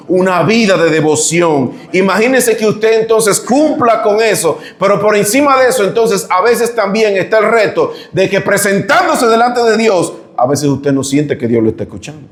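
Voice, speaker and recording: Dominican male pastor, high voice, fervent sermon delivery, echoey room. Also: lively intonation, moderate pace, hardly any pauses. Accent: Dominican Spanish. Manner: impassioned preaching, rising when voicing pleas.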